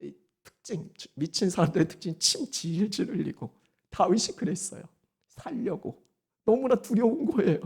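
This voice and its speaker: A woman pastor giving a Sunday sermon, animated and firing rhetorical questions at the congregation. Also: medium pitch, moderate pace, vocal fry, breathy edge.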